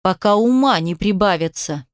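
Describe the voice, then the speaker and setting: A woman's voice: medium pitch, animated, moderate pace, no echo, clean studio sound, close to an everyday voice. Woman reading as a domineering, harsh father. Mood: cold commanding. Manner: harsh commanding, shouts threats. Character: domineering angry aging father, middle-aged man. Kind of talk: audiobook character voice.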